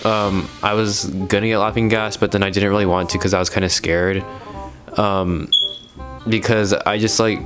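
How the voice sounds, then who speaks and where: Low-voiced young man with a slight retainer lisp. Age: young adult. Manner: hesitant, rambling speech full of "like". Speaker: video blogger. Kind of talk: casual chat to camera.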